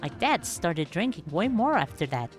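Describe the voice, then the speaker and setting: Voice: medium pitch, sing-song, moderate pace. A performer reading the dialogue of a comedic story game as a dramatic voice-over, with music behind.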